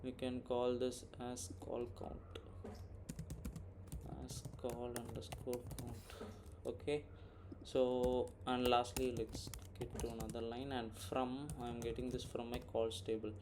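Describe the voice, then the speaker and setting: Speaking slowly in a flat, monotone mid-range voice, a man narrates a casual screen-capture coding lesson, reasoning as he goes and often asking "right?". Background noise and the clatter of a computer keyboard come through clearly.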